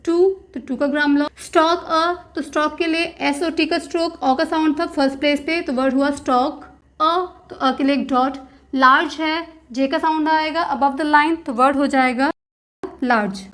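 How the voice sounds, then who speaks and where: A woman's voice: sits high, fairly even intonation, normal speed, fairly bright tone. A woman teaching shorthand step by step. She spells out each stroke and repeats every word. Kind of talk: step-by-step dictation lesson.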